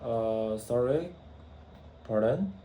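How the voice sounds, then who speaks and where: A man practicing English, speaking haltingly with many fillers and restarts. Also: mid-range voice, animated, warm tone, echoey room, slight background noise. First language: Mandarin Chinese. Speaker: English learner. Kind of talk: practice conversation.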